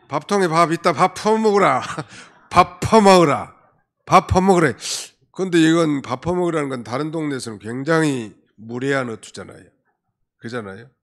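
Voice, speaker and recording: A male pastor delivering a Sunday afternoon sermon in a conversational tone, with emphatic rises and quiet asides. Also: mid-range voice.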